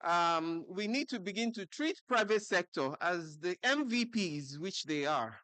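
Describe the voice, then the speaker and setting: Woman, smooth chatty speech. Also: on the low side, animated, a little slow, a bit bright, no room sound. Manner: conversational, many fillers. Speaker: president of a health federation. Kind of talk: goodwill speech.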